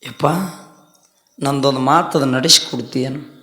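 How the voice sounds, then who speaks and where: A man preaching a folksy sermon, telling a story and acting out its dialogue, often rising into loud emphatic peaks. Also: mid-range voice, fairly even intonation, measured pace. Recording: echoey hall with faint music.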